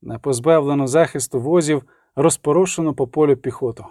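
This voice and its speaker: A man narrates an audiobook in a measured, dramatic reading. His voice sits slightly high for a man. The recording is dry and close, with no room echo. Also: warm tone.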